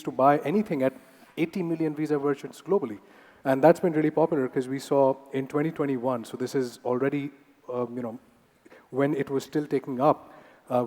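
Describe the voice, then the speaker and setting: A man's voice: mid-range voice, darkish tone. A man answers on a conference panel in an explanatory, conversational way. He checks in with little tags as he goes. His voice carries a long hall reverb. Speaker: panelist, payments company representative.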